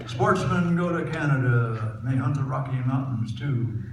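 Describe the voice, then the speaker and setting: A man with a cowboy twang recites folksy poetry to a live audience. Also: medium pitch. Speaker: cowboy poet. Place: echoey room before a laughing audience. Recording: echoey hall from far off, loud noise.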